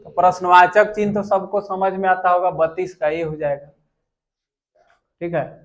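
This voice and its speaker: A man's voice: high voice, little pitch movement, normal speed. A young man, a teacher working through exam questions and repeating each question aloud.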